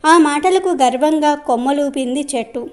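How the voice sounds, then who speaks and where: A woman narrating a devotional folk tale in a steady storybook reading. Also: high voice, normal speed, faint music behind.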